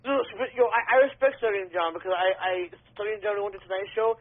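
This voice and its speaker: A man's voice: high-pitched, racing. A man talking casually as a podcast guest, rambling and swearing a lot. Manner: profane, rambling conspiracy talk. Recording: tinny phone line.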